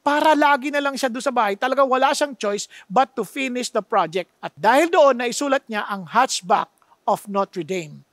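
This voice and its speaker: Filipino pastor, high voice, emphatic sermon delivery, rhetorical questions, dry close sound. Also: male voice, lively intonation, moderate pace, fairly bright tone, dry recording. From Philippines. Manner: mixes Tagalog with English phrases.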